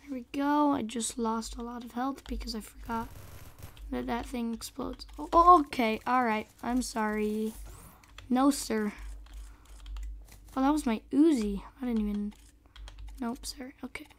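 A young woman with a hoarse, squeaky voice that breaks into a whispery rasp, giving excitable, chatty, casual commentary on a game. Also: a little slow, long pauses. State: hoarse, losing voice. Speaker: gaming video host.

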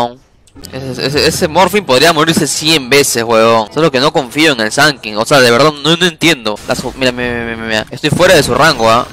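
A man commentating his own match live, cursing freely and venting at his teammates. His voice sits at an ordinary middle pitch, with faint game music in the background. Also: pushed and bright. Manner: profane, exasperated ranting at teammates. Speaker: game streamer.

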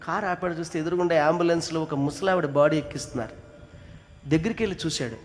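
A man tells an emotional moral story, swinging between loud emphasis and hushed narration. His voice sits fairly high. It echoes with the long reverb of a large hall. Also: fast. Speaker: speaker telling a moral story.

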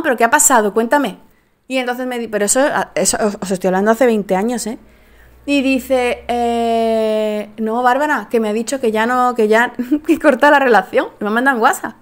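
A middle-aged woman talking casually to her viewers, telling a story with animated delivery and acting out bits of dialogue. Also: a little high. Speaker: host.

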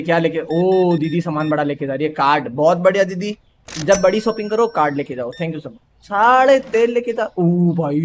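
A man's voice: on the high side, a little hiss or hum. Playful young man commentating a game. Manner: playful, teasing, talks to game characters. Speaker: gaming YouTuber. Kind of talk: casual gameplay commentary.

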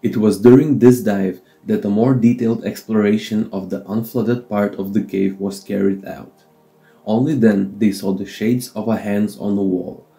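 A man narrating a documentary script in a steady, measured way, with slightly non-native phrasing. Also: on the low side, vocal fry, faint music behind, low-quality recording.

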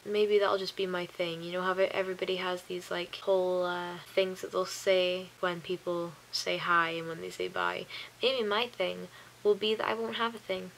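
A woman's voice: fairly low pitch, little pitch movement, moderate pace, creaky, fairly bright tone, a little hiss or hum, poor audio. A young woman chatting in a rambling, sleepy way, saying "like" a lot, recorded on a webcam in her bedroom at night. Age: young adult. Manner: rambling, chatty, sleepy and self-deprecating, with frequent "like". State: tired, a bit wheezy and coughy. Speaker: vlogger. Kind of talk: casual diary vlog. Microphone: webcam close to the face.

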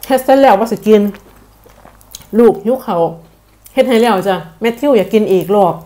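A woman's voice: medium pitch, a little fast. Young Isan-accented woman, mukbang host, talks through a full mouth, chatty, headphone mic. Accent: Isan Thai. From Thailand, Isan (Buriram). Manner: chatty, frequent soft sentence-final particles. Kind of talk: casual eating show chat.

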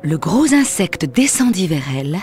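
A woman narrating a children's storybook in a gentle, expressive reading. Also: on the low side, moderate pace. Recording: music under the voice. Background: soft music.

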